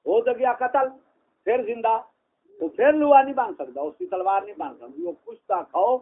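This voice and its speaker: A man's voice: very high voice, sing-song. A man preaching an impassioned sermon, firing off rhetorical questions and mocking refrains. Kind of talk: fiery sermon. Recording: tinny phone-like mobile recording.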